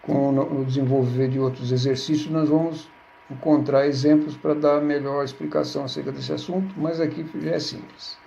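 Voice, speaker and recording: Gravelly dark-voiced guy going over hebrew grammar, patient, repeats stuff, kinda muffled recording. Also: a little high, steady tone, a little fast, a little hiss or hum. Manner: patient, repeats words and asks "né?". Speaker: Hebrew teacher. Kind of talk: explaining grammar lesson. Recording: dull lo-fi recording.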